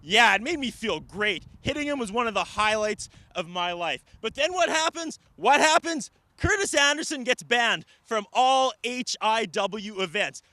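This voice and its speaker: Forceful high-voiced man cutting a wrestling promo. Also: lively intonation, measured pace, hardly any pauses, dry recording. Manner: emphatic, indignant, rhetorical questions.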